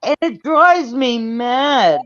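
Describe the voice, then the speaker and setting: Swearing Australian woman, lively swooping pitch. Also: takes it slowly, dry recording. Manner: heavy swearing, blunt and fired-up. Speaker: caller in a live reading. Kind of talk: ranting live-stream chat. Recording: dull lo-fi stream audio.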